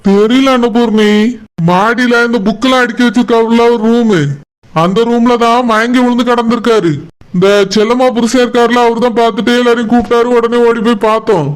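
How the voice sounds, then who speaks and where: A man's voice: very high voice, flat delivery, fairly quick, clear, resonant tone. A man voicing a scheming middle-aged village father who drinks, with a Kanyakumari Tamil accent. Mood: worried.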